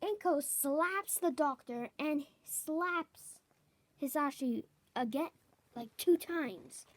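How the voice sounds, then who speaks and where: A woman improvising a fan story out loud, halting and correcting herself as she goes. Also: high voice, lively intonation, no echo. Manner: halting, self-correcting, clears throat.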